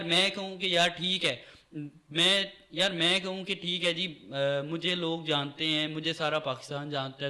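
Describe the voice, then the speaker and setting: A man's voice: a little high, pushed and bright. A young man speaking as a guest in a casual chat, earnest and emphatic about working hard and respecting seniors. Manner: earnest and emphatic, calls the host "bro". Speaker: guest, social media creator and actor.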